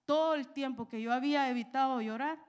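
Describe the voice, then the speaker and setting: A woman's voice: high-pitched, a little fast, clean tone. A young woman preaching, telling a personal testimony with emotion and frequent "¿verdad?" asides. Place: church.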